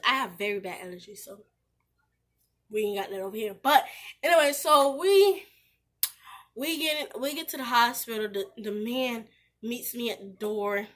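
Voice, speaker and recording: High, bright-voiced woman vlogger, animated. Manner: animated, talks straight to viewers. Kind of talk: casual storytelling to camera.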